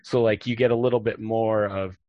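A man hosting a casual chat, recapping a TV episode in a relaxed, joking way with lots of filler words. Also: on the low side, brisk, no echo, lo-fi sound. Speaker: podcast host.

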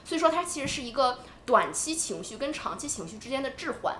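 A woman co-hosting a podcast in casual chat, animated and talking in quick bursts with restarts. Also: high-pitched, roomy sound, slight background noise. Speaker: podcast co-host.

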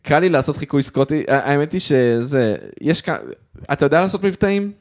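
A man's voice: on the high side, lively intonation. A man hosting a casual chat, inquisitive and jokey in his way of talking. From Israel.

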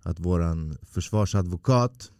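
A man hosting a podcast, talking in a calm, thoughtful way. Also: low voice, no echo, clean studio sound. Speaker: podcast host. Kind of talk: reflective conversation.

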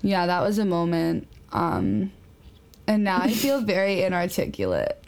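A woman's voice: lowish voice, sing-song, unhurried, vocal fry, a little mellow, clear, resonant tone. Young woman, podcast co-host, casual chat, self-mocking, laughs often. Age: young adult.

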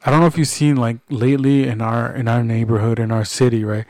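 A man's voice: mid-range voice, level tone, fast talker, darkish tone, dry recording. A man speaking bluntly and earnestly in a casual religious discussion, in colloquial language. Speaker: podcast co-host.

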